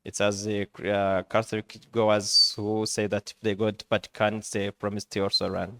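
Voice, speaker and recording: Man, interpreter, halting, flat delivery, dry sound. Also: fairly low pitch, no room sound. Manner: halting, with restarts and fillers while translating. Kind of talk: live consecutive interpretation into English.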